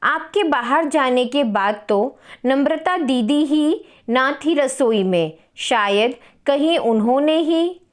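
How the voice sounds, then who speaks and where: Woman putting on a greedy sneaky young wife, sly and excitable, high lively voice in an echoey room. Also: takes it slowly. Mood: feigned innocence. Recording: roomy echo with long reverb.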